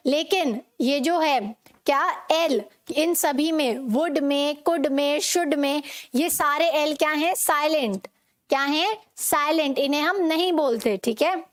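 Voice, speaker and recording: High-voiced Indian woman teaching pronunciation. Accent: Indian English. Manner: questions and repeats for learners, mixes Hindi and English. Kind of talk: online classroom lesson.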